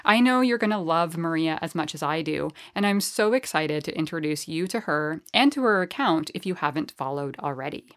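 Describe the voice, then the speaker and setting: This podcast host, who also trains dogs, has a deep, slightly bright voice with lively intonation. She talks briskly with hardly any pauses, chatting enthusiastically with her guest as she introduces and interviews them, using fillers and restarting sentences.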